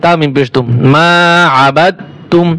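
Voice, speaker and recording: A man teaching recitation letter by letter, naming each letter and vowel mark and then reciting the words slowly. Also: a little high, fairly even intonation, fairly bright tone. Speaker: Quran reading teacher.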